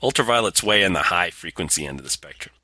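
Sarcastic man, bright animated movie banter. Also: sits low, fast. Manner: sarcastic, mocking. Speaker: co-host of a comedic movie discussion show. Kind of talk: casual banter, profane movie recap.

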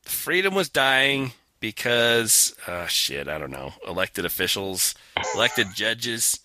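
A man's voice: fairly low pitch, big pitch swings, slow pace, pushed and bright, no echo. A man co-hosting a casual political chat, sarcastic and profane. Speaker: podcast co-host.

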